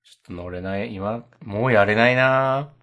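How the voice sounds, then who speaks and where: A man co-hosting a podcast in casual chat, quick to answer and laugh along. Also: fairly low pitch, fairly bright tone, lo-fi sound. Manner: quick back-channel replies, laughs along. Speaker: podcast co-host.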